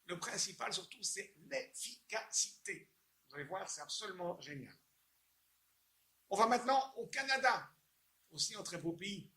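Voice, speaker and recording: A man's voice: high voice, lively intonation, moderate pace, pauses often, sharp tone. A man presenting a product with enthusiasm, stumbling and restarting his phrases. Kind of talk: promotional presentation.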